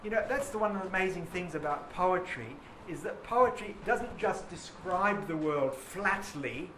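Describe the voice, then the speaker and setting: A man's voice: high-pitched, expressive, moderate pace, a bit bright, slight background noise. A male teacher leading a poetry lesson in a classroom, enthusiastic and full of praise for his students. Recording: roomy classroom echo.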